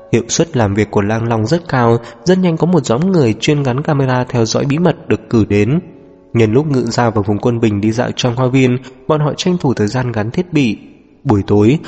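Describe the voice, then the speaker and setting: A man narrating an audiobook novel in a steady, even storytelling manner. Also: medium pitch. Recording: long reverb with background music.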